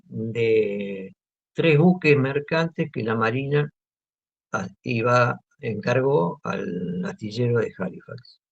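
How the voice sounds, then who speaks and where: An Argentine guest artist chats in a relaxed interview, his gravelly, medium-pitched voice carrying an Argentine Spanish accent. He speaks slowly yet animatedly, hesitating with lots of fillers and restarts. The audio is muffled and lo-fi.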